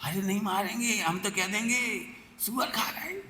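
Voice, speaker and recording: A man's voice: sits high, a little slow, very noisy, pitched above the performer's own voice. A man preaching voices a cheeky eight-year-old village girl who scolds, then politely defers. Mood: cheeky deferential. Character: bold little village girl, eight or nine. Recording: echoey hall with long reverb.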